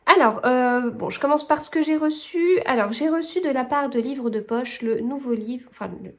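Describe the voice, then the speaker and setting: A woman talking about books in a casual vlog, her voice sitting a touch high. She chats on loosely, trailing off and restarting her sentences as she corrects herself. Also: normal speed. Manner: chatty, rambling, self-correcting. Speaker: book vlogger. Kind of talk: casual book chat.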